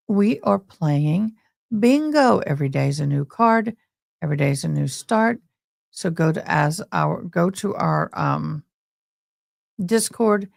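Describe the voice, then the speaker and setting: A woman hosts a livestream with heavy, gravelly fry in her voice. She chats casually and folksily, speaking straight to her viewers. The sound is close and dry. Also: on the low side, darkish tone, no room sound. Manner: folksy, talks directly to viewers with y'all. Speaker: livestream host. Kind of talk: casual livestream chat and commentary.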